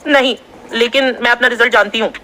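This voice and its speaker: A woman acts out a loud, dramatic young student girl in an audio story. She talks excitedly in a bright, high voice, as if she's always just about to shout. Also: brisk.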